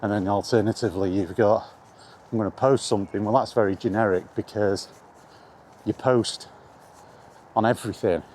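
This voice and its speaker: A mellow British video maker rambles casually about video games in a vlog while walking outdoors in the rain. His voice sits on the low side with a steady tone, moving at a moderate pace with long pauses, and his informal, meandering talk is mildly sweary. Faint outdoor ambient noise can be heard.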